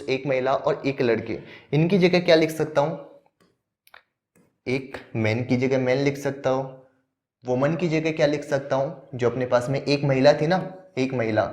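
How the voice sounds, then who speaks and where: A man's voice: mid-range voice, normal speed, darkish tone. Male maths tutor for exam prep, walks through each step, asks and answers his own questions, mid-range voice. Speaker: maths teacher.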